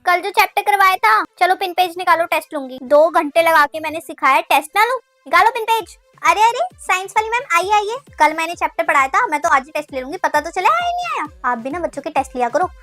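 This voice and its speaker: A woman's voice: very high-pitched, expressive, fast, bright, forceful tone, no room sound, faint music behind, full character voice. Woman doing a bossy test-mad teacher. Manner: bossy, scolding, mixes in broken English. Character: strict adult female teacher obsessed with tests.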